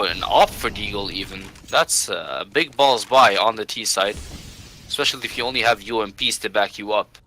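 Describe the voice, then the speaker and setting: A man doing live play-by-play as an esports caster, excitable and building suspense as the action unfolds. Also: medium pitch.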